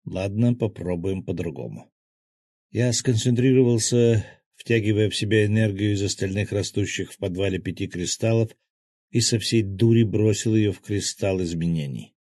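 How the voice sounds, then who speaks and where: A man's voice: fairly low pitch, normal speed, dark tone, slightly rough, no room sound. A man narrating a fantasy audiobook in the first person, with a terse, dry inner monologue.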